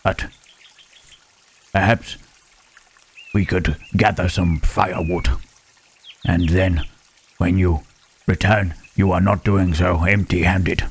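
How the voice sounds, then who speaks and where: A man playing a gentle, lonely male monster in an ASMR roleplay, speaking haltingly and formally in a husky voice. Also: deep voice, little pitch movement, full character voice. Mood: gentle, warm. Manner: halting, formal speech without contractions, trailing "huh?". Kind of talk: ASMR roleplay, intimate scripted monologue to listener.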